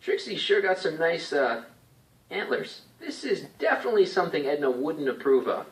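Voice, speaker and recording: Brief: an eager teen time traveler, breezy and persuasive, lively pitch, echoey distant game audio. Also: male voice, normal speed.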